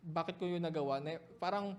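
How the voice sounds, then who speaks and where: A man, a pastor telling a personal story in a sermon, moving between hushed reflection and loud, laughing retelling. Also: fairly high pitch, brisk.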